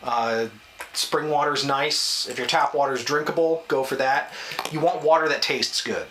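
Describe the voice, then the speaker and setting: Male vlog host, medium pitch, casual and drily self-mocking, recorded in a small bathroom with light background noise. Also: unhurried, a bit bright, echoey room, rough recording. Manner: wry, self-deprecating, mildly sarcastic. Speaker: video host. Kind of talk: casual vlog talk to camera.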